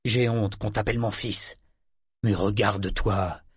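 A man voicing a bitter, domineering father, loud and contemptuous in his anger. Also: medium pitch, normal speed, slightly rough, no room sound, clean studio sound, natural voice. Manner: contemptuous, scornful, shouting in rage. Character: bitter domineering father, furious sea captain.

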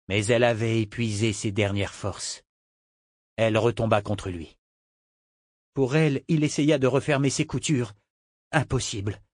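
A man giving steady, scripted narration of a fantasy audiobook. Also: medium pitch, dry recording, studio quality.

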